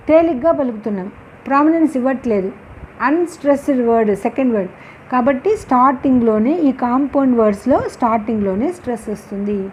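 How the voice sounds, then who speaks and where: A woman college English lecturer with a Telugu accent, explaining word stress slowly. She reads each English rule deliberately, then repeats it in Telugu. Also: high-pitched, darkish tone, slight background noise, poor audio. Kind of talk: recorded lecture.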